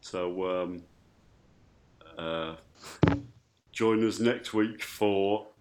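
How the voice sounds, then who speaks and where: A man hosting a casual live radio show, speaking haltingly and often trailing off mid-phrase. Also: low voice, heavy background noise.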